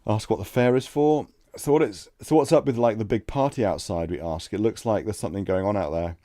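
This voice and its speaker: A man streaming a text adventure, reading the game text aloud and thinking out loud between passages. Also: fairly low pitch, fairly quick, no room sound, studio quality. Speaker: let's play streamer.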